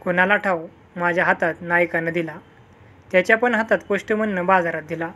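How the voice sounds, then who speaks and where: A reader puts on an older village man for a storybook tale, with rustic, talkative speech. His pitch sits in a middling range. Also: fairly even intonation, brisk, pushed and bright, natural voice.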